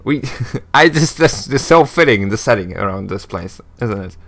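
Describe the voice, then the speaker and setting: A man's voice: on the low side, expressive, moderate pace, fairly bright tone. A man hosting a let's play, giving chatty gameplay commentary with laughing asides.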